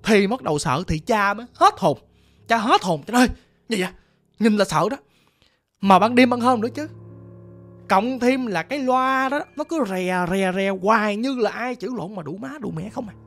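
A storyteller with a Southern Vietnamese accent retelling a ghost story, vivid and animated, acting out sounds. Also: mid-range voice, moderate pace, no echo. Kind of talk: retold ghost story narration.

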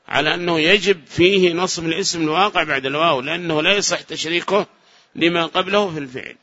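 A man teaching a classroom grammar lesson. He asks the class questions, answers them himself, and repeats the key phrases slowly. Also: high voice, sharp tone. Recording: dull lo-fi lecture recording.

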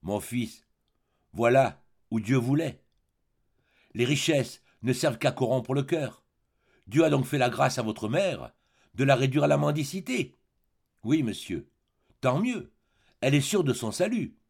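A man's voice: medium pitch, lively intonation, unhurried, vocal fry, long pauses, darkish tone, breathy edge, full character voice. A man doing an unctuous worldly monk. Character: smooth worldly male monk, grave and indifferent.

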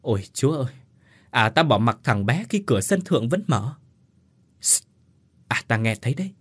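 A man's voice: mid-range voice, big pitch swings, moderate pace, breathy edge. A man voicing a cruel, spiteful old mother-in-law who shrieks and hisses insults in a storybook tale. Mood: gossiping.

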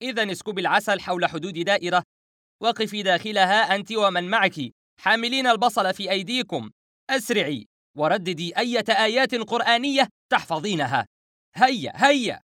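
A man voicing a panicked young man who shouts urgent orders into a telephone, in a storybook reading. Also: high-pitched, expressive, fairly quick, dry recording, studio quality, pitched above the performer's own voice. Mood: frantic.

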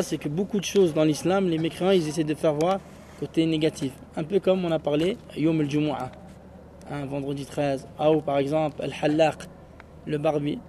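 A man's voice: fairly high pitch, mellow, a little hiss or hum. A man teaching an Arabic class, explaining in French with Arabic phrases mixed in and often checking with "tu vois?".

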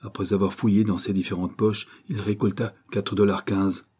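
A male audiobook narrator tells the story in a steady, scripted way. His voice is low and dark, with a husky grain. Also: normal speed.

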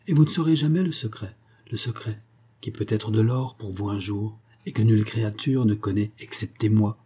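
A man's voice: mid-range voice, mellow, husky, natural voice. A man reading a storybook aloud, voicing a cunning, spiteful old grandmother who coaxes and wheedles. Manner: wheedling, calls everyone dear.

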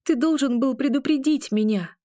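High, emotional young witch, as the reader puts her on. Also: moderate pace, mellow, dry recording, studio quality, close to an everyday voice. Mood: angry, panicked. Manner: raised, emotional, pleading delivery. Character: young woman witch, frightened and hot-tempered.

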